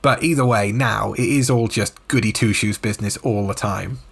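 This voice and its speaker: A man co-hosting a podcast, answering in a reflective, wordy way and often pausing with short fillers. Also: fairly low pitch, gravelly, a bit bright, breathy edge. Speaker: podcast co-host. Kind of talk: casual podcast reply.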